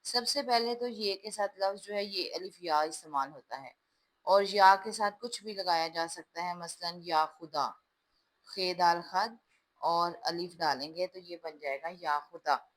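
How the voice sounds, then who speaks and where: A woman's voice: lowish voice, a little slow, fairly bright tone, poor audio. A woman teaching a class, patiently spelling out words letter by letter and explaining how each one is written. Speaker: Urdu teacher.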